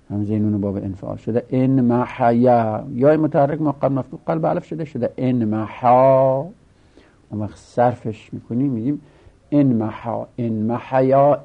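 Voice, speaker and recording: Gravelly-voiced male seminary teacher. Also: medium pitch, phone-quality sound. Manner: chanting word forms in drawn-out recitation. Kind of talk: Arabic grammar lesson.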